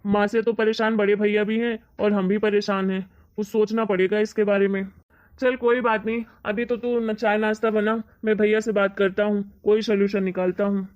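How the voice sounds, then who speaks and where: A woman's voice: medium pitch, flat delivery, moderate pace, a little mellow, lightly acted. Woman doing a greedy son, kinda argumentative, muffled lo-fi audio. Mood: coaxing. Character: greedy middle-aged son and husband. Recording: dull lo-fi recording.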